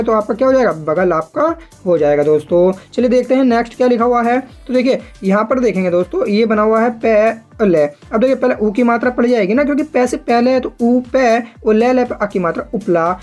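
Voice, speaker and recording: A man's voice: very high-pitched, darkish tone. A man teaching shorthand step by step in a patient, repetitive way, often turning to the viewers as friends. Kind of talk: step-by-step tutorial explanation.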